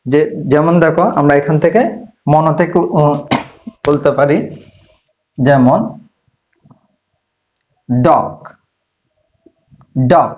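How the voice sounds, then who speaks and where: A man's voice: fairly high pitch, steady tone, unhurried, long pauses, darkish tone, a little hiss or hum. Patient man teaching grammar, echoey. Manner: patient, repeats key points, addresses student directly. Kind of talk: classroom-style lesson explanation. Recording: echoey room, dull lo-fi sound.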